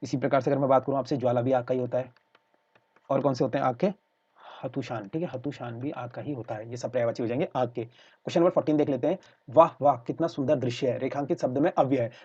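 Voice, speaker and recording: A man's voice: mid-range voice, steady tone, quick pace, darkish tone, husky, muffled recording. A man teaching an online exam-prep lesson, explaining step by step and checking in with his students again and again. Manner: explains repetitively, checks in with "theek hai" often.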